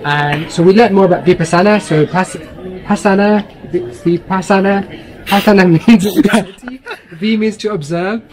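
A man's voice: sits high, normal speed, crowd noise, poor audio. A man, hosting a vlog and talking eagerly with fillers. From London. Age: 30s. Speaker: vlog host. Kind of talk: casual vlog talk.

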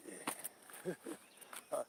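An older man hosting a channel walks through an outdoor flower garden in a walking vlog, speaking extremely slowly. He exclaims over each flower, calling out and repeating its name, and urges his viewers on with hearty patriotic appeals. A little hiss or hum can be heard.

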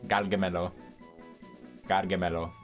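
A man's voice: sits low, little pitch movement, moderate pace, soft background music. A young man in casual, crude, joking banter as he streams a video game with a friend. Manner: joking, crude, laughing often. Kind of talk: casual let's play banter.

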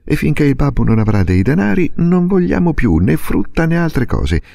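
Guy doing a determined little girl, pleading and insisting, raised pitch but still gravelly. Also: very animated, normal speed, mellow, dry recording, clean studio sound. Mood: earnest pleading. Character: earnest, determined young girl, older sister.

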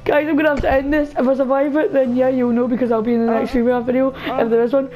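A woman's voice: sits high, little pitch movement, fast talker. A young woman giving casual, chatty gameplay commentary, talking nervously to her viewers and to a character in the game. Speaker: gaming video host. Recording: dull lo-fi mic with faint game music.

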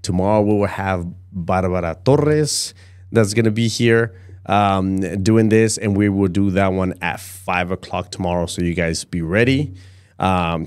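Low-voiced man hosting a casual livestream. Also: clean tone. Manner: repeats words and phrases. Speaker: host of a livestream show. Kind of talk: casual livestream chat and sign-off. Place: acoustically padded studio, indoors. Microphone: close podcast microphone.

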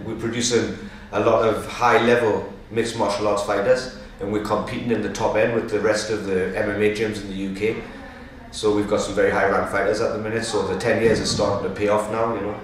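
A man's voice: fairly low pitch, level tone, fast talker, very echoey, recorded from a distance, a little hiss or hum, rough recording. A man, a martial arts head coach talking casually in an interview in a gym. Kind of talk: interview answers. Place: indoor gym.

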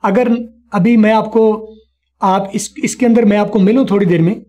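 Guy teaching english letter sounds online, high voice but mellow, says everything slow and twice. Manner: slow, repeats sounds for students to copy. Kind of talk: online spoken English class.

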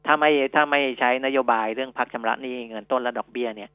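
A man co-hosting a finance radio talk show, explaining policy in a measured way with many fillers. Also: mid-range voice, steady tone, no echo. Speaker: radio co-host. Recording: dry, phone-like narrow band.

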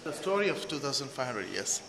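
A middle-aged man working as a local tour guide, giving short, halting answers. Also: medium pitch, very animated, vocal fry, pushed and bright, a little hiss or hum. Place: inside rock caves. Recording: echoey cave, crowd behind.

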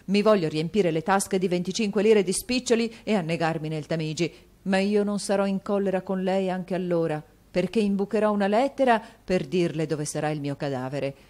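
A woman's voice: fairly low pitch, a little fast, few pauses, darkish tone, pitched above the performer's own voice, lightly acted. A woman voicing a self-pitying, theatrical dandy husband who exclaims and wails. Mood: melodramatic. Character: melodramatic self-pitying husband, dandy middle-aged man.

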